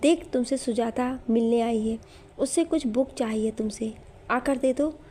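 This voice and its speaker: A woman's voice: fairly high pitch, unhurried, dark tone. A woman storyteller voicing a worried, bossy elderly grandmother in a spoken storybook. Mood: calling.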